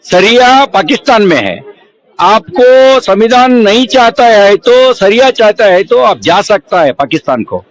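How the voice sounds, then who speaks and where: A man giving a press statement as a politician, halting and repetitive, firing off rhetorical questions. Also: sits high, lively intonation, poor audio.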